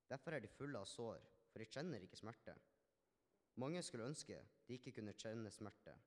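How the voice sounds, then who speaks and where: A man's voice: fairly low pitch, natural voice. A man playing a healed Samaritan leper man, telling his story in an earnest, reflective first-person monologue with small restarts. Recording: long hall reverb.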